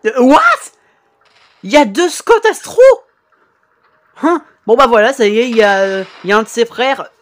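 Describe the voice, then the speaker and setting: A man giving casual, excitable reaction commentary on videos, exclaiming often. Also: very high-pitched, moderate pace, long pauses. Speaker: YouTube reactor.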